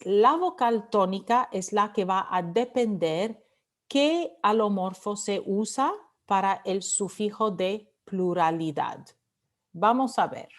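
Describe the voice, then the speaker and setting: In a lecture, a woman with a mid-range voice teaches Spanish grammar. She moves back and forth between Spanish and English, saying words slowly and repeatedly to show where the stress falls.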